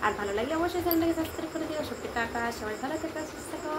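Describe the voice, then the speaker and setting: A woman vlogger with a high, expressive voice talks rapid-fire and casually to her viewers while hosting a prank call video. She's recorded on a phone camera, with noise behind her.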